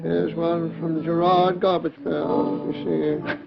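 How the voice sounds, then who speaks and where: A man playing a weary, absent-minded comic vote counter who mutters in a creaky voice on a 1950s children's show. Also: fairly high pitch, level tone, takes it slowly, loud music behind the voice, full character voice. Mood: weary, muddled. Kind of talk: 1950s children's television comedy acting. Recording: dull lo-fi 1950s television kinescope.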